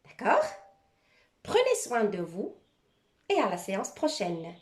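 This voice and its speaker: A woman teacher giving a recorded handwriting lesson to young children, explaining each step slowly and checking in often. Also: mid-range voice, huge pitch swings. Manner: slow, step-by-step instructions with frequent check-ins. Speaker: primary school teacher. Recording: echoey room.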